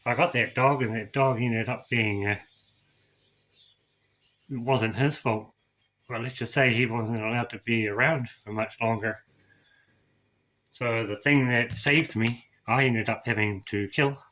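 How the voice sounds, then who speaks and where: A middle-aged man telling his own story to camera, emotional and tearful, halting and repeating words as he goes. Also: medium pitch, steady tone, pushed and bright. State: crying. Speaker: vlogger.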